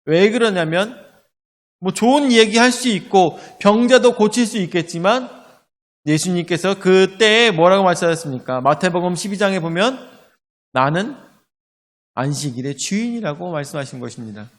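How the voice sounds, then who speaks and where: High-voiced pastor preaching in a reverberant hall. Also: male voice, normal speed. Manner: storytelling, acts out crowd voices. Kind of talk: sermon.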